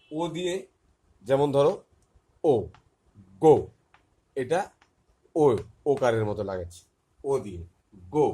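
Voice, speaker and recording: A man talks to young pupils in a relaxed, darker voice. He works through letters one by one, spelling out short words and saying each one again and again. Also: mid-range voice, slightly rough. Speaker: teacher. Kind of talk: tutorial for young children.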